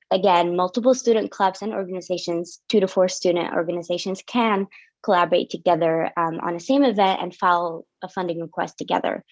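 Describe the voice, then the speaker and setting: Her voice is mid-range with a darkish tone as this young Syrian student finance officer presents funding policies on a video call. She speaks casually with plenty of fillers, and the dull lo-fi audio has no echo.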